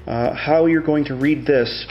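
A man's voice: a little high, unhurried, muffled recording, faint music behind. A middle-aged man explaining step by step like a plain-spoken machinist, in a casual hands-on tutorial. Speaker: tutorial host demonstrating measuring tools.

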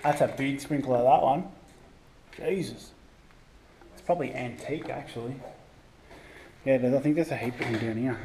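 An urban explorer vlogger wanders through an abandoned indoor campus building, casually narrating and commenting on everything he comes across. His medium-pitched, mellow voice moves at a moderate pace with frequent pauses. A head-mounted action camera picks it up, so the handheld audio is noisy.

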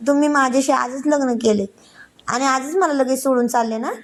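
A woman's voice: high voice, a little fast, natural voice. A woman voicing a playful young newlywed wife who coaxes and pleads with her husband, in a read-aloud story. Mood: pleading. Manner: coaxing, pleading.

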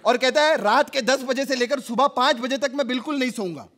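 A male comedian playing a sarcastic hospital doctor in a stage comedy sketch, firing off quick comebacks. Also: extremely high pitch, pushed and bright. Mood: wisecracking. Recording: live stage, crowd and noise.

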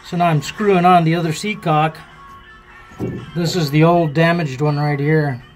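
Down in the bilge of his boat, a man casually talks through a repair as he works with his hands, thinking aloud in relaxed, plain folksy words for a hands-on how-to. His voice is fairly high and at normal speed. The audio is poor, with soft background music.

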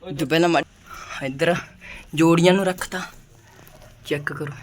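A Punjabi man with a fairly high voice talks in a casual vlog style. He addresses viewers as friends and calls out to companions in colloquial speech. The handheld recording has faint noise and clicking. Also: steady tone, normal speed. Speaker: pigeon-keeping vlogger.

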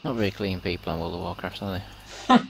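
Deep fast-talking man, gravelly. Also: a little hiss or hum. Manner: teasing, chatty banter. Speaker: streamer. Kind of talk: casual chat while gaming.

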